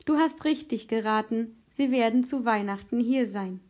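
A woman reading as a gentle, patient aunt. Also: on the high side, normal speed, lo-fi sound, natural voice. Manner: gentle, reassuring. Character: kind, patient adult aunt. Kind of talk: storybook reading.

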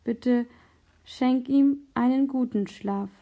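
A woman reading the lines of a thoughtful young boy who speaks gently and earnestly. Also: high voice, dull audio. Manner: gentle, earnest, halting in prayer.

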